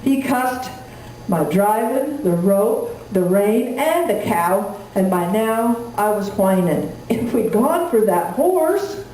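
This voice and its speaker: A woman recites cowboy poetry to a live audience in a folksy, storytelling way, in rhymed and measured verse. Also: mid-range voice, big pitch swings, dark tone. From rural Wyoming, United States. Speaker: cowboy poet. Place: indoor room at a live gathering. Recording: echoey room, distant mic, faint noise.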